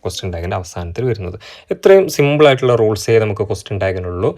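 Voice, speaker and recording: A man teaching an exam-prep grammar lesson, asking the class questions and answering them himself, and spelling out example sentences very slowly. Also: fairly low pitch, animated, a little mellow.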